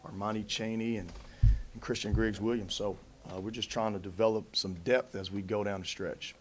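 A man in his thirties, a head coach at a post-game press conference, answering in a measured way with many fillers and restarts into a table mic. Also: fairly low pitch, fairly even intonation, a little hiss or hum. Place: press conference room in front of a backdrop. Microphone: table mic in front of him.

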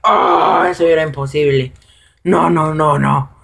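Excitable man narrating his gameplay. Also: measured pace, creaky, slightly rough. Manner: excitable, bursts into high shouts when losing. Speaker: gameplay commentator. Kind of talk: casual live gameplay commentary.

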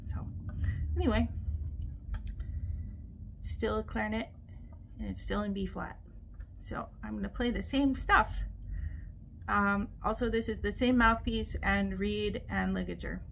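A woman's voice: medium pitch, a little slow, creaky, pauses often, a little hiss or hum. A woman in her forties casually talking between clarinet demonstrations at home, a little winded from a recent cold. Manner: chatty, relaxed, talks between playing clarinet. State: slightly winded, recovering from a cold. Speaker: clarinet player and host. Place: indoor home room. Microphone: camera low on a stand at close range.

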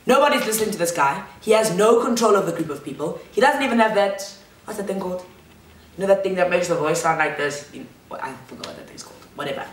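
Sitting in a big living room, a young woman delivers a casual, slangy storytime vlog in a loud, fairly low voice with lively intonation and a quick pace. A fixed camera across the room records her, so the sound carries a roomy echo.

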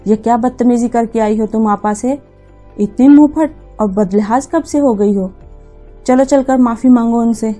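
A woman's voice: fairly high pitch, normal speed, dark tone, soft background music, natural voice. A woman voicing a stern, reproachful mother. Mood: scolding. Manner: scolding and reproachful.

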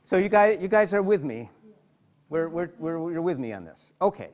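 A man's voice: a little high, big pitch swings, moderate pace, a little mellow. A middle-aged man, a psychotherapist, lecturing to an audience and telling stories animatedly, often repeating and restarting words. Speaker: psychotherapist giving a hospital lecture.

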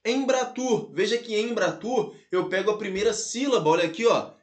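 A high-voiced Brazilian man with a Brazilian Portuguese accent gives an online grammar lesson full of lively energy, repeatedly calling his viewers "galera" and "pessoal." He slows down to spell letters out one by one, and the audio is roomy and echoing.

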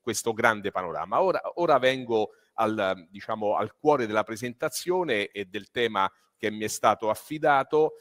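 A middle-aged man giving a presentation over a video call with a headset, speaking haltingly with many fillers. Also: on the low side, lively intonation, fairly bright tone, in a large hall. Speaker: trade association vice director.

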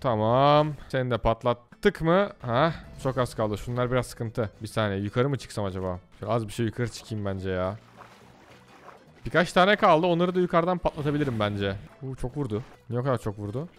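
A man giving lively live gameplay commentary, excitable and talking to himself and the game as he plays. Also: medium pitch, brisk, faint music behind. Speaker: gaming YouTuber.

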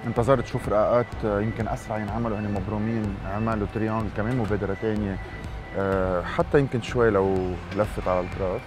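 Lebanese man, 30s, low and brisk; cooking-show judge, music behind. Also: steady tone. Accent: Lebanese Arabic. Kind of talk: casual critique. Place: bright indoor TV studio set.

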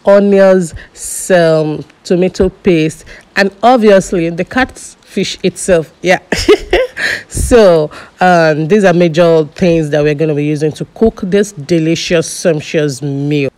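A middle-aged woman, talking through a recipe in a relaxed, chatty cooking voice-over. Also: lowish voice, slow. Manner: chatty, relaxed, with small laughs. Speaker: cooking vlogger.

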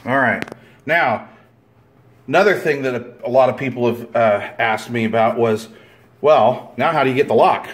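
A man's voice: medium pitch, moderate pace. Plain-spoken man with a rambling tutorial. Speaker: DIY video maker. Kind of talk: casual hands-on tutorial. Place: indoors at a table, hands-on with tools.

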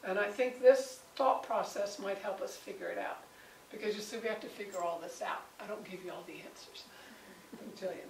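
A woman leading a conversational Bible study with a small group, animated and acting out the voices she quotes. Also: medium pitch, fairly quick. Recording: roomy, distant mic, faint background noise.

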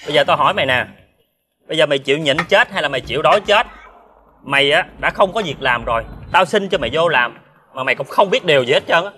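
Drunk ex-con, really bright sharp voice, yelling, tv crime drama. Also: male voice, fairly high pitch, expressive, fast talker, slight background noise. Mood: scolding. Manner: shouting, indignant, slurred drunk rants. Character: hot-tempered drunk male ex-convict friend.

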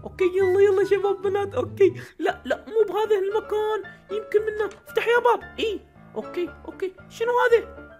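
A man voicing a cheeky, poor little male mouse in a Minecraft machinima, with a squeaky, high, nasal voice, Iraqi accent and a taunting, giggly, whiny manner. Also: steady tone, a little fast, darkish tone, soft background music. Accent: Iraqi Arabic.

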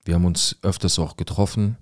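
A man's voice: low-pitched, fairly even intonation, fairly quick, dry recording, clean studio sound. A man narrating a viewer's life story in the first person, in a casual, colloquial way that speaks straight to his viewers.

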